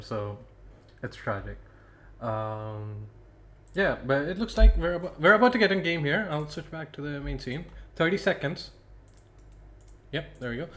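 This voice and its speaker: A young man casting a student esports tournament alone on a stream, chatty and self-deprecating, thinking out loud between picks. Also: mid-range voice. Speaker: esports caster. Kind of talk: solo livestream commentary.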